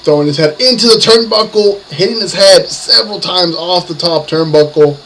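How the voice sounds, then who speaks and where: This lucha libre announcer's voice sits high and a bit bright, moving at a moderate pace as he calls the wrestling in short, escalating bursts. The recording is low quality, with slight background noise and music under the commentary.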